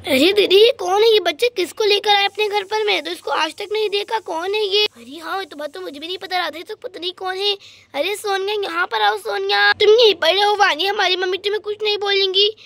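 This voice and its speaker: A woman voicing a lively, curious village mother in an acted doll story. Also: very high voice, a little fast, creaky. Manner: lively, exclamatory. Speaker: doll story narrator and voice artist.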